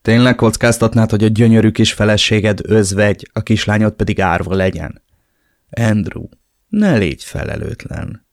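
A man voicing a cold, calmly menacing male traitor speaking on the phone in an audiobook. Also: on the low side, vocal fry, no echo, clean studio sound. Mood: cold, mocking.

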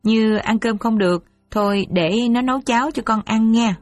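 A woman voicing a worried, gentle mother who coaxes her daughter softly. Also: a little high, moderate pace, no room sound, faint music behind, lightly acted. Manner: soft, coaxing and anxious.

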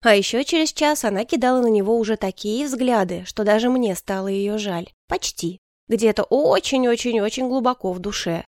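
Higher-pitched woman, calm wry narration. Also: moderate pace, hardly any pauses, dry recording, studio quality. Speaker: audiobook narrator. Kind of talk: first-person scripted narration.

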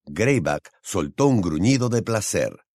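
A man narrating an audiobook with expressive delivery. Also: lowish voice, normal speed, no echo, clean studio sound. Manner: expressive, varied intonation.

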